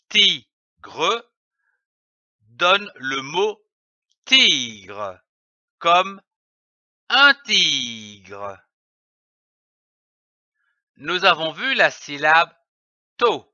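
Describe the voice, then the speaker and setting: A man teaching children to read, spelling out letters and syllables slowly and stressing each sound, on a dull, lo-fi recording. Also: fairly high pitch, bright, forceful tone, no room sound. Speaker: reading teacher. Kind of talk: slow, carefully enunciated reading lesson.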